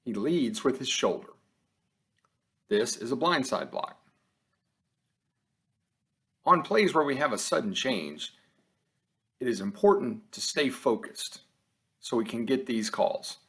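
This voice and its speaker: Narrating game film from a script as an officiating instructor would, a man speaks in measured, matter-of-fact short phrases. His mid-range voice is animated, creaky and fairly bright.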